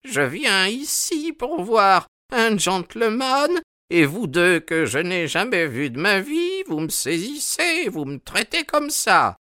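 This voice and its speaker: A cranky wheezing old sailor. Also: male voice, high voice, sing-song, slow pace, pushed and bright, no echo, clean studio sound, voice pushed up, exaggerated voice. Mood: indignant. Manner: querulous, obstinate.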